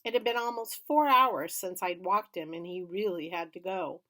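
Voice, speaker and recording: A woman reading a children's novel aloud in plain, steady first-person narration. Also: fairly low pitch, moderate pace. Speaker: reader.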